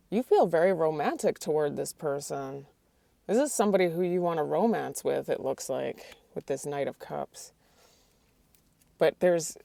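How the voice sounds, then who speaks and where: Her voice going, a woman gives a tarot card reading in a low, creaky, dark voice, and the recording has no room sound. She hesitates, keeps starting her sentences over, and puts questions to the cards out loud.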